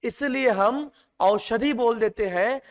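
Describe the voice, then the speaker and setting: A man with a high-pitched voice teaches a classroom lesson at an unhurried pace. He stretches out each stressed word for emphasis. The recording carries a long, ringing reverb from the room. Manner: emphatic, drawn-out stressed words, addresses students as "beta". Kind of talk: classroom lecture.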